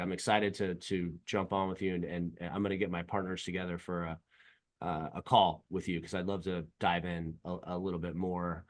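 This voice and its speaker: A man with a fairly low voice and a SoCal-style Californian accent talks as a podcast host. His delivery is casual and enthusiastic, wandering through his thoughts as he interviews.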